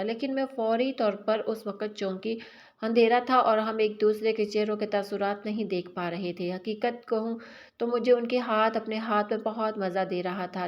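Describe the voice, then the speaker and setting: Woman, confessional storytelling, wistful tone, medium pitch, dull lo-fi recording. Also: darkish tone. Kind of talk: first-person romantic story narration.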